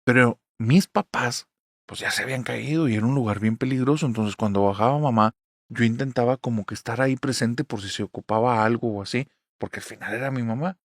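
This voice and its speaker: A man with a Mexican accent tells a first-person horror story in a conversational, confiding way, often turning to address the listener. His voice sits at a medium pitch. The recording is dry and close, with no room around it. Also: a little fast, no room sound. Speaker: narrator. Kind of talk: storytelling narration of a horror tale.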